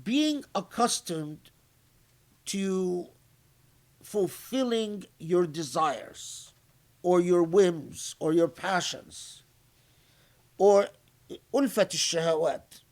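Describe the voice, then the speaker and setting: Slow, reflective male scholar lecturing. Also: sits high, a little mellow. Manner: halting and reflective, with frequent restarts; recites Arabic phrases between English explanation. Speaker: scholar giving Quran commentary. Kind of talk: unscripted lecture commentary.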